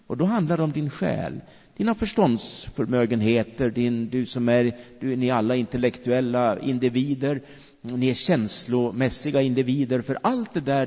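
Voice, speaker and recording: A man preaching a sermon as pastor, with animated delivery and slow, drawn-out emphatic phrases. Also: mid-range voice, husky. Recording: dull recording with long hall reverb.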